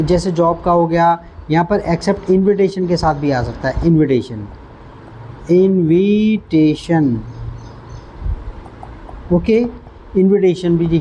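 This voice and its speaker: A man teaching English vocabulary, who repeats each word slowly and stops to quiz the listener. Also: fairly high pitch, dark tone, a little hiss or hum, poor audio. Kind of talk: vocabulary lesson.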